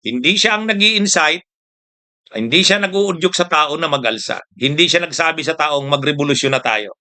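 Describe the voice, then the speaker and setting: A male political commentator talks in a pointed, forceful voice that sits a little high for a man. He mocks his targets with frequent laughs and drills his points home by repeating them. He keeps throwing in quick "ha?" asides. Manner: mocking, laughs often, keeps asking "ha?". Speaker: political commentator and show host. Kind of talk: casual political commentary monologue.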